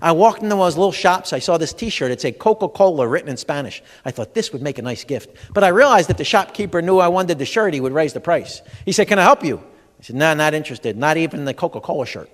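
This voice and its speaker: On the higher side and quick, with few pauses, a male comedian and humor educator performs stand-up before a live crowd in a large expo hall. He's an animated storyteller who acts out dialogue and speaks directly to the audience, and the recording carries a long hall reverb.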